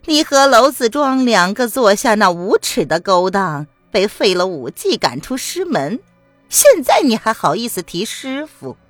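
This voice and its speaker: A woman voicing a cruel, scheming older martial-arts nun who taunts slowly and with contempt. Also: a little high, big pitch swings, no echo, faint music behind, pitched above the performer's own voice. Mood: scornful. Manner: slow, mocking, sneering.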